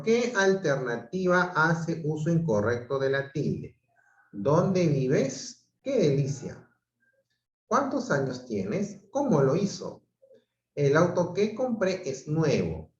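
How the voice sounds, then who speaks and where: Male teacher over a dull, echoey call line, unhurried, explains each step and checks understanding. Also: on the high side. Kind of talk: online grammar lesson. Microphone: video call. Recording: muffled roomy video-call audio.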